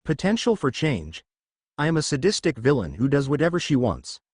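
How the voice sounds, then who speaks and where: A man's voice: medium pitch, sing-song, a little fast, a little mellow, slightly rough, no room sound, clean studio sound. A man voicing a scornful young female villain in a read-aloud story.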